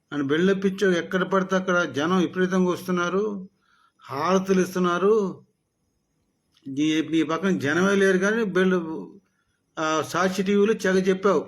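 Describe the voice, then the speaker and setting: A man delivering a mocking, scolding political rant aimed at a rival. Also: high-pitched. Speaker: political commentator.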